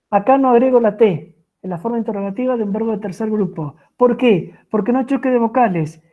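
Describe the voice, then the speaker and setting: A woman with an Argentine Spanish accent teaching French grammar in an online class, patient and checking in with her students often. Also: fairly high pitch. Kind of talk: online lecture explaining grammar. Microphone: video call. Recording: tinny phone-like video call audio.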